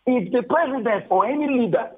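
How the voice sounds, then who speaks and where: A man's voice: very high-pitched, animated, brisk. A man with a Nigerian accent calling in to a radio talk show over the phone, speaking earnestly and repeating himself. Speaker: radio caller. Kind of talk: call-in comment. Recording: tinny phone line.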